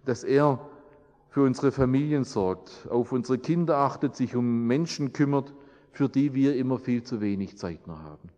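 A man's voice: mid-range voice, moderate pace, dark tone. A man preaching a sermon and praying, in an earnest, repetitive preaching cadence. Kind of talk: sermon with prayer. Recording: long reverb, dull lo-fi sound.

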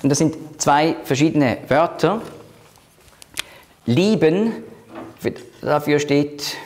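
A man leading a Bible study, explaining scripture slowly and quoting verses aloud. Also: lively intonation, darkish tone. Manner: slow, explanatory, quotes scripture in a lowered voice; switches between teaching and group discussion. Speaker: Bible teacher.

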